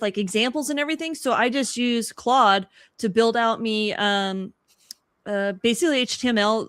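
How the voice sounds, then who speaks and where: A woman with a mid-pitched voice talks casually and loosely and uses plenty of fillers. The recording is dry and close. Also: a bit bright, dry recording. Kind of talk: casual meeting talk.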